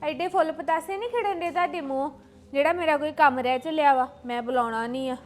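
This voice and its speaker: A woman playing a quarrelsome, sharp-tongued young wife in a family drama. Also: high-pitched, lightly acted. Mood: indignant. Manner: fast, sharp and retorting.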